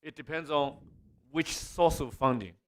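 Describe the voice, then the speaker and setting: A man's voice: on the high side, unhurried. A man answering as a university representative, explaining and often checking in with tag words. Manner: explanatory, punctuated with frequent "okay". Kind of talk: spoken answer at a panel.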